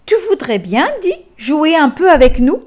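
Woman doing excited, high little children. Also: moderate pace. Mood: delighted. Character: crowd of cheerful small children.

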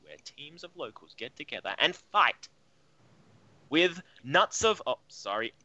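A man's voice: fairly high pitch, sing-song, unhurried, sharp tone, no echo, highs cut off. A young man co-hosting a casual comedy podcast, reading odd news items with jokey asides. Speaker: podcast co-host.

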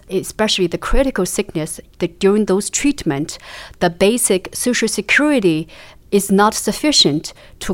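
A woman works as an interpreter, giving an English translation voice-over after each Chinese passage. She speaks hesitantly, with frequent filler sounds as she renders the answers. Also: mid-range voice. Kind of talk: consecutive interpretation.

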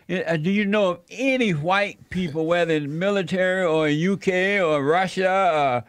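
A man hosting a casual talk show, asking slow, drawn-out questions between jokes. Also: high voice, clean tone, no room sound. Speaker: host.

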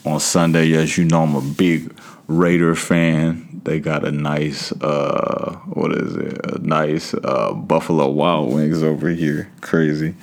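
Extremely deep-voiced man chatting casually. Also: flat delivery, takes it slowly. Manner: informal, slangy, conversational. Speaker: podcast host. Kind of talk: casual solo chat.

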